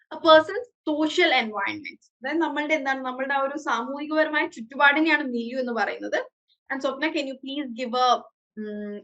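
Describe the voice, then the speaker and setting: A woman with a Malayali accent leads an online English lesson. Her voice sits a little high, and she talks at an unhurried pace, pausing often. She keeps encouraging her students over the video call. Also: sharp tone, highs cut off. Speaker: English teacher.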